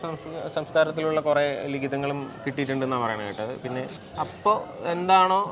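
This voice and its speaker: A man's voice: fairly high pitch, a little fast, a crowd in the background. A man with a Malayali accent, a travel vlogger explaining history as he walks outdoors around a temple. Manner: explanatory, conversational with restarts. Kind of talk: walking tour commentary.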